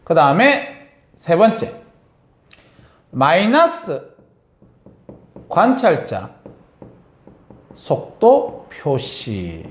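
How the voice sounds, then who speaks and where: Lively high-voiced male teacher lecturing. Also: very slow, pauses often, reverberant. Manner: lively, asks students frequent check-in questions. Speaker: science teacher. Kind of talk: classroom lecture.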